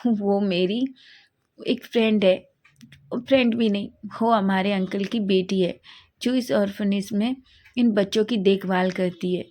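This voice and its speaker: A woman reading the lines of a caring young man who gently pleads with his upset fiancé, in a light, slightly raised voice. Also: high voice, fairly even intonation, measured pace. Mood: coaxing. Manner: coaxing, pleading questions.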